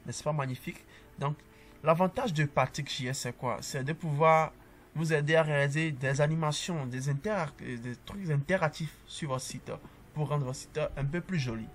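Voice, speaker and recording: A man giving a casual coding tutorial, calmly talking through each step as he types and tossing in upbeat asides to the viewer. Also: fairly high pitch, moderate pace.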